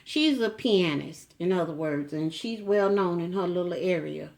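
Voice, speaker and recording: A woman's voice: on the low side, moderate pace, gravelly, darkish tone. A middle-aged woman chatting casually to camera at home, folksy and teasing, with frequent asides to her viewers. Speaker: vlogger.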